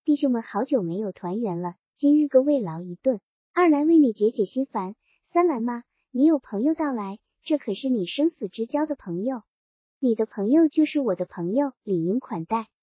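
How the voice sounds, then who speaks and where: A woman's voice: a little high, animated, moderate pace, husky, no room sound. A woman voicing a cool, sly bandit chief. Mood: hearty. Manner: cool, teasing, then curt. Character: male bandit chief, sly and self-assured. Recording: dull lo-fi sound.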